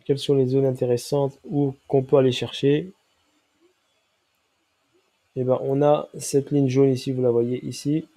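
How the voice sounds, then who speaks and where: A man's voice: mid-range voice, level tone, unhurried, long pauses, dark tone. A man with a stuffy nose and a nasal voice from a cold, walking viewers through a trading chart and stopping often to check that they follow. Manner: explanatory, checks in with listeners often. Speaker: crypto trading analyst. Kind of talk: chart analysis walkthrough.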